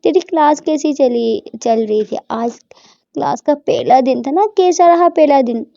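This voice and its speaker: A caring father full of eager questions, acted by a woman narrator, in a high, gravelly voice. The recording is dull, lo-fi and dry, with a dark tone. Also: measured pace, no room sound. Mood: concerned. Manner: eager, questioning, lightly scolding. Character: caring, talkative father checking on his daughter.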